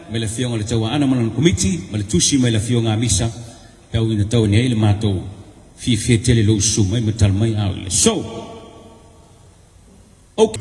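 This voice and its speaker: A man with a Samoan accent hosts a meeting in a formal, respectful way. His voice is medium-pitched and mellow. It carries through a hall with heavy echo. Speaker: master of ceremonies. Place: large echoing indoor venue. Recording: echoey hall with long reverb.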